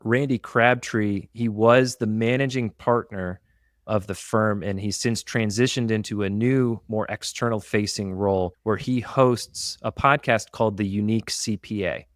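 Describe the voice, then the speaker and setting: A man co-hosting a business podcast, explaining marketing examples in a steady, detailed, casual way. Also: fairly low pitch, a little slow, dry recording, studio quality. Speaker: podcast co-host.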